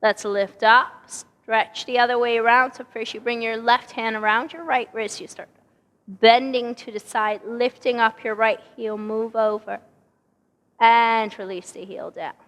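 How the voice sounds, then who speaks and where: Hoarse woman calmly leading Pilates. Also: on the high side, measured pace, long reverb tail. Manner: calm, steady cueing of breath and movement. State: hoarse, partly lost voice. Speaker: Pilates instructor. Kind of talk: guided exercise instruction. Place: exercise studio.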